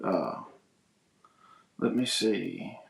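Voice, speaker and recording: A man's voice: low-pitched, expressive, extremely slow, creaky. A man, hosting a casual morning livestream, rambling in a folksy way and greeting viewers by name. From United States. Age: 40s. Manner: rambling, folksy, reads viewer comments aloud. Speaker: livestream host. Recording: echoey room.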